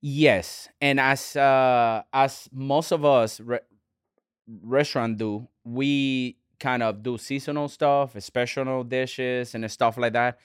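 A man, a restaurant owner talking as a guest in an earnest, halting way with many restarts. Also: mid-range voice, fairly even intonation, clear, resonant tone, dry recording, studio quality. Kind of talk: casual interview talk.

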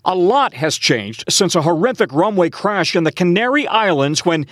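High-pitched, animated male news correspondent. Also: moderate pace, no echo, studio quality. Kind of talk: scripted news reporting.

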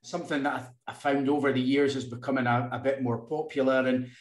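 Guy co-hosting a podcast, casual and kinda halting, medium pitch, echoey room sound. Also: flat delivery. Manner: halting, repeats small words. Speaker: podcast co-host.

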